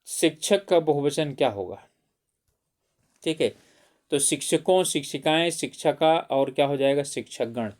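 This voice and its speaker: A man's voice: fairly high pitch, darkish tone. A man teaching an exam-prep grammar lesson, who keeps asking questions and answering them himself, often saying "theek hai".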